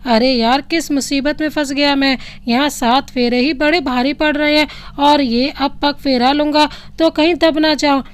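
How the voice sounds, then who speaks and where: A woman's voice: high voice, fairly even intonation, normal speed, few pauses, lightly acted. A woman voicing a cheeky grumbling young husband. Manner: sarcastic complaining banter.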